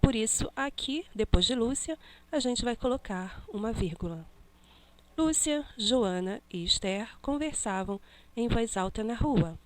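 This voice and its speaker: A woman teacher slowly correcting a classroom exercise, stressing each punctuation mark she names. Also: fairly high pitch, lively intonation.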